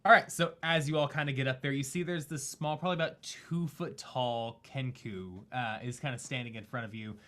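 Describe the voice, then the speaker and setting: A man's voice: medium pitch, steady tone, fairly quick, few pauses, pushed and bright. A man narrating as game master in a casual, rambling way.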